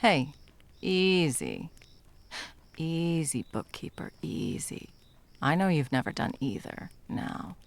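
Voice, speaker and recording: In an ASMR roleplay, a woman acts as an intense female monster hunter, her low-pitched, gravelly voice creaking and swinging widely in pitch in an exaggerated performance. She carries deliberate, dramatic menace and open scorn, but the mood is gentle and wary, with slight background noise present.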